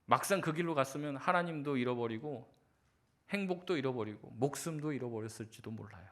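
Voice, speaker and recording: A man's voice: medium pitch, lively intonation, fairly quick, fairly bright tone. A male pastor giving a sermon in a conversational way, asking rhetorical questions and acting out quoted voices.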